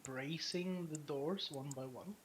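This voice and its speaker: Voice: mid-range voice, takes it slowly. A game master narrating a tabletop game in a loose, hesitant way with many fillers.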